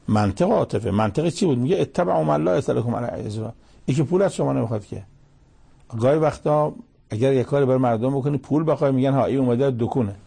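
A man giving a religious commentary lecture in a measured, emphatic way, reciting Arabic verses between his explanations. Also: medium pitch, creaky, dark tone, breathy edge. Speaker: Quran commentator.

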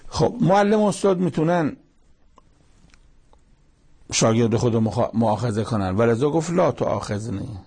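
Gravelly dark-voiced man teaching scripture. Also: medium pitch, expressive. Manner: short measured phrases, retelling dialogue. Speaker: Quran commentator. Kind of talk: religious lesson, verse-by-verse commentary.

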